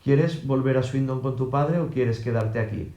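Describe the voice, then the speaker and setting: A matter-of-fact police officer speaks plainly in a storybook reading, voiced by a man. The tone is mellow and calm, with roomy echo. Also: mid-range voice, moderate pace, creaky, close to an everyday voice. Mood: businesslike.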